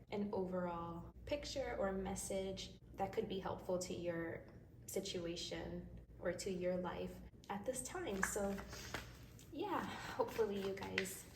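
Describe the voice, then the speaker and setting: Here a woman's gravelly, medium-pitched voice leads a tarot reading in a relaxed, talkative, comforting manner. A slight stuffiness from crying comes through, and the far-off microphone adds room echo and a little noise.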